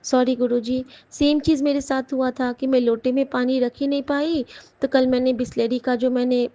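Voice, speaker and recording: A woman's voice: high voice, flat delivery, normal speed, dark tone, muffled recording. A woman giving an earnest, emotional devotional testimony to her listeners in a casual satsang talk. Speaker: satsang speaker.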